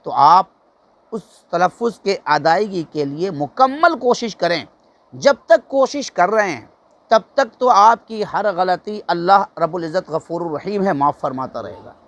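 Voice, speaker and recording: A man's voice: high voice, a bit bright. A man giving a sermon as a mosque imam, urging listeners earnestly and asking rhetorical questions. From India.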